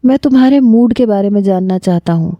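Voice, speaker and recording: A woman's voice: medium pitch, dry recording, lo-fi sound, close to an everyday voice. A woman reading the lines of a sarcastic, impatient young man pressing with questions. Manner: sarcastic, exasperated.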